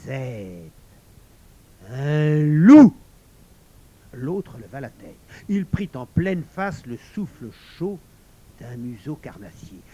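A man narrating a tale in a dramatic, measured reading, on a dull lo-fi recording. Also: mid-range voice, very animated, warm tone, husky. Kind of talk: storybook narration.

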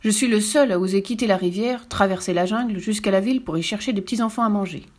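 A woman's voice: medium pitch, fast talker, darkish tone, natural voice. A woman voicing a greedy, boastful huge male crocodile in a read-aloud storybook. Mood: gloating. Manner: gloating, boastful.

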